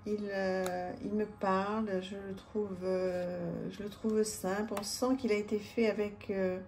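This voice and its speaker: A woman's voice: medium pitch, level tone, slow pace, slight background noise. A woman casually showing an oracle card deck, chatty with many hesitations. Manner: chatty, warm-hearted, many fillers. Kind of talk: casual product presentation.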